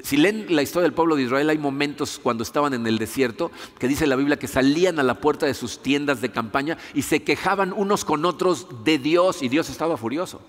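A man delivering a sermon in a fairly high voice, talking to his listeners conversationally and tossing them rhetorical questions. His voice rings out with a long reverb, as if heard in a large hall. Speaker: pastor.

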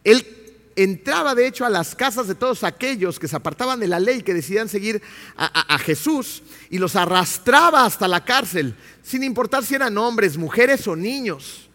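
A man preaches a sermon with emphatic, animated delivery and puts rhetorical questions to his congregation. His voice sits high for a man. The church hall adds a long, trailing reverb. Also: normal speed.

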